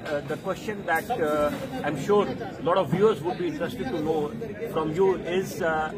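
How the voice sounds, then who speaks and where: High-voiced Indian man interviewing over loud crowd. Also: steady tone, normal speed. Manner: ceremonious, formal phrasing. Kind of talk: formal event interview. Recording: noisy outdoor event, loud crowd and music. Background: loud crowd, music.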